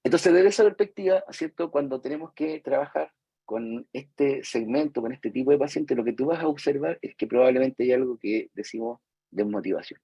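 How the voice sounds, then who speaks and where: A man's voice: mid-range voice, normal speed, gravelly, warm tone, slightly rough, no echo, rough recording. A Chilean man, a psychologist, giving a live lecture to therapists in a conversational way, acting out patients and parents and often checking in with his audience. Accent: Chilean Spanish. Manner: conversational, acts out patients and parents, frequent "¿cierto?" tags.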